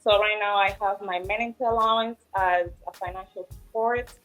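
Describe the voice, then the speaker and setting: A woman in her twenties, from Portugal and raised in Angola, answering interview questions in a hesitant way with many pauses. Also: mid-range voice, steady tone, fairly bright tone, soft background music, poor audio. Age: 20s. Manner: hesitant, many ums and uhs. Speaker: interview guest. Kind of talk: casual interview.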